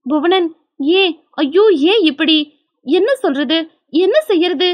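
A woman's voice: sits high, animated, moderate pace, no room sound. Woman voicing a frantic tearful young wife. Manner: trembling, frantic and pleading.

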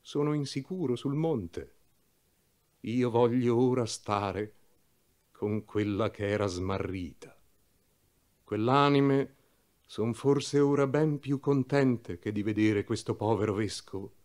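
An elderly cardinal full of gentle, loving fervor, as a man reads him aloud. He pleads in rising, impassioned oratory, carried by a mid-pitched male voice. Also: takes it slowly, natural voice. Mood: tender.

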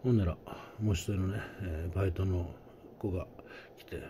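A man's voice: low-pitched, steady tone, normal speed, background noise. A middle-aged man with a Kansai accent, telling a casual anecdote in a chatty, folksy way and acting out the voices. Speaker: storyteller host.

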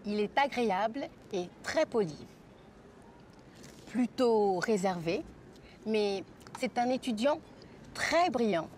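Young woman, slow, teasing café chat. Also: medium pitch, animated, darkish tone, a little hiss or hum. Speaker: student in a language-course drama. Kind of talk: scripted drama dialogue. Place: outdoor café terrace.

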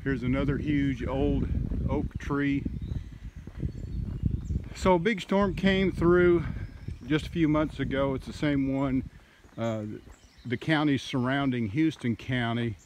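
A man narrating a casual walking tour of his wooded farm outdoors, talking in a slow, halting way with many fillers, recorded on a handheld phone. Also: medium pitch, darkish tone. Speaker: farmer vlogger. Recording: faint outdoor noise.

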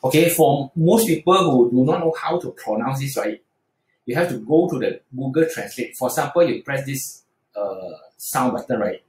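A man's voice: mid-range voice, expressive, normal speed, darkish tone, roomy sound, low-quality recording. A man teaching beginner Mandarin in a screen-recorded tutorial, talking hesitantly with frequent fillers and restarts.

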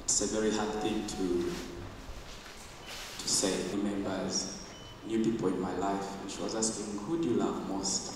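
A young man with a Ugandan accent, giving a halting eulogy for his grandmother into a handheld mic in a church. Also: on the low side, fairly even intonation, background noise. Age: young adult. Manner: halting, searching for words. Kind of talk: funeral eulogy. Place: church hall. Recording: echoey church from far off.

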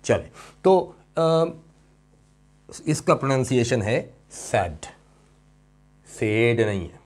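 Slow, emphatic male English teacher. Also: mid-range voice, big pitch swings, a little mellow. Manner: explains step by step with questions to students; slow and emphatic over key words. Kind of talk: classroom grammar lesson.

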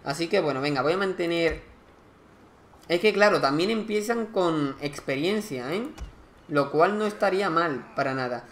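Man, gaming commentator; higher-pitched, chatty, thinks aloud. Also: expressive, moderate pace, fairly bright tone. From Spain. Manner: chatty, thinking aloud, counting units and resources. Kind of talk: casual let's-play commentary.

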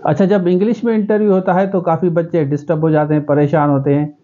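Talking fast in a steady tone, this middle-aged Pakistani man has a voice on the high side, captured in narrow, tinny audio. He is an educationist and native Sindhi speaker with a Sindhi accent, offering earnest direct-to-camera advice in a small room while gesturing with both hands.

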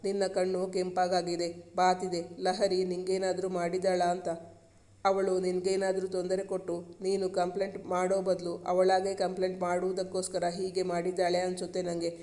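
A man reading the part of a caring young husband in a storybook, speaking softly and earnestly. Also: sits high, lightly acted. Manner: soft, soothing and earnest. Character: caring protective young husband, gentle but firm.

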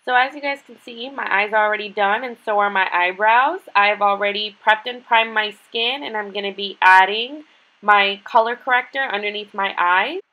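A woman's voice: mid-range voice, normal speed, highs cut off. A woman in her twenties with a stuffed-up, nasal whine from being sick, giving a casual makeup tutorial. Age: 20s. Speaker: beauty vlogger. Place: small bedroom, indoors.

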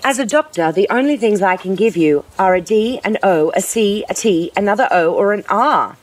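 A woman voicing a brisk, matter-of-fact doctor who explains things plainly. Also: mid-range voice, expressive, close to an everyday voice, poor audio.

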